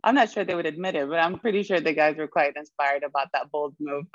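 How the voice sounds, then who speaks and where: Low-voiced woman, dry muffled audio. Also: animated, a little fast, no room sound. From Sweden. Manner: reflective, laughs often. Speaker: guest. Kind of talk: conversational interview.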